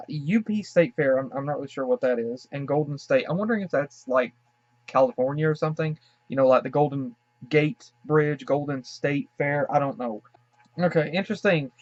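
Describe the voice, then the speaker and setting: A man's voice: on the high side, no echo. A man from the Southern United States hosting a casual cartoon reaction, talking in a hesitant, musing way with lots of fillers and apologetic asides. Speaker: cartoon reaction channel host. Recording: dull lo-fi dry recording.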